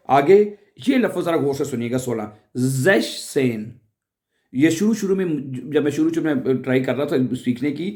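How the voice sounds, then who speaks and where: Patient man teaching. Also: medium pitch. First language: Urdu. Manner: patient, repeats words slowly and asks the listener questions. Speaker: language teacher. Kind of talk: casual spoken lesson.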